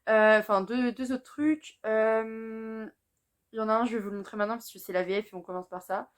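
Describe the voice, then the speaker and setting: A woman's voice: fairly high pitch, steady tone, brisk, clear, resonant tone. A teenage girl chatting casually to camera about books she bought, with lots of fillers and little laughs. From France. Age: teens. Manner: chatty, many fillers, laughs between phrases. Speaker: booktuber. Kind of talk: casual chat.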